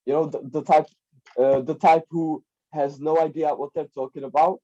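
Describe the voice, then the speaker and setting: A man's voice: on the high side, little pitch movement, normal speed, mellow. A young man from the Republic, a guest life coach, chatting casually in a podcast and rambling with many repeats and fillers. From Czech Republic. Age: young adult. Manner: rambling, repeats words, frequent "like" and "right?". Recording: dull lo-fi sound.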